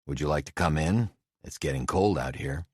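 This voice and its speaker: A man's voice: rumbling low, normal speed, a little mellow, breathy edge, dry recording, studio quality. A man voicing an earnest, decent male game warden who talks plainly and a bit sternly in an audiobook.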